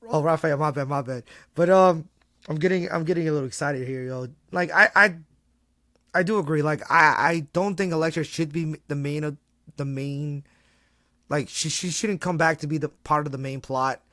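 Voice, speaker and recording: A man co-hosting a casual fan podcast, talking fast and excited in slang, often restarting his sentences. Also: on the high side, no room sound, clean studio sound. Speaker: podcast co-host.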